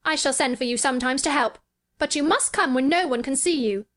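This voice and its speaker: A proud young boy from a storybook, played by a woman. His voice is pitched well up high. He speaks grandly and commandingly, like someone used to being obeyed. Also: brisk, a bit bright. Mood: lordly. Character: proud, imperious sickly boy giving orders.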